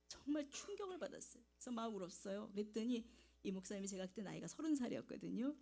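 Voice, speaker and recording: A woman in her forties preaching a sermon in a church and telling a personal testimony, with pauses and hushed asides. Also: mid-range voice. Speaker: evangelist preacher. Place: church sanctuary.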